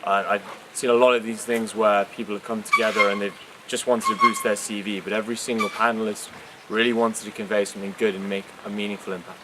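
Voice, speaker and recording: Low-voiced young man from England. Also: flat delivery, quick pace, noisy background. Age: 20s. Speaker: medical student. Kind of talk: outdoor interview answers.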